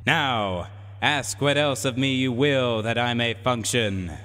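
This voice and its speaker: Man playing a pompous supercomputer in booming reverb. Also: pushed and bright. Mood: solemn, prophetic. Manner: grandiose, slow declamation with archaic wording. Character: pompous, haughty supercomputer, grandly solemn and weary. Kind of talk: comic science fiction radio drama. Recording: long reverberant hall echo.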